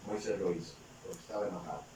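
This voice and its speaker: A man's voice: low-pitched, racing, distant mic. A male pastor preaching a sermon as a story, often checking in with "¿verdad?". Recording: very echoey room, voice from afar, faint noise.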